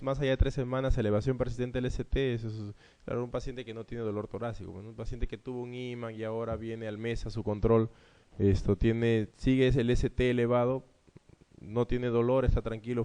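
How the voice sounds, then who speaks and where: Man, Peruvian Spanish accent, medical lecturer, exam review, low mellow voice, explanatory. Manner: explanatory, frequent rhetorical "¿no?" tags.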